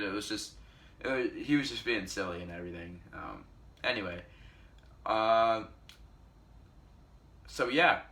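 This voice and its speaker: A teenage boy vlogger with a fairly low, sharp-toned voice tells a storytime, rambling and constantly restarting and correcting himself.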